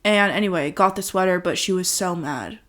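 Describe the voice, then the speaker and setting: A woman's voice: lowish voice, fairly bright tone. A young woman from Los Angeles, telling stories in a casual chat with many "like" fillers. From Los Angeles, USA. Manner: chatty storyteller, quick valley-style "like" fillers.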